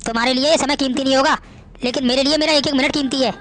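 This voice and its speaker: A woman's voice: high-pitched, fairly even intonation, rapid-fire, fairly bright tone. A woman playing an arrogant, boastful rich son-in-law in a family drama, bossy and scornful. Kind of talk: Hindi family drama acting.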